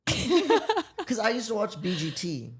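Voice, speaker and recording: Animated woman podcast host. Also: a little high, takes it slowly, breathy edge. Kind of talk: casual chat.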